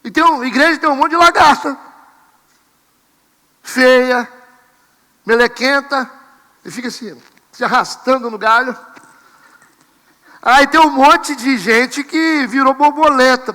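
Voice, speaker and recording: A man preaching a sermon as pastor, animated, acting out his listeners' voices. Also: extremely high pitch, unhurried, pauses often, big-room sound. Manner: animated, acts out congregants and mimics camera clicks. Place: church sanctuary.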